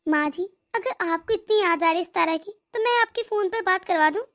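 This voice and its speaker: A woman voicing a gentle, caring young daughter-in-law who speaks politely and soothingly. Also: very high voice, normal speed, voice pushed down. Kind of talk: cartoon voice acting.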